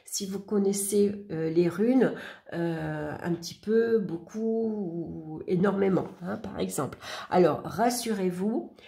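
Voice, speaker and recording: A woman's voice: on the low side, vocal fry, darkish tone. A woman giving a casual flip-through review of a workbook, talking in a chatty way with many fillers and restarts. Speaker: YouTuber reviewing a spiritual workbook.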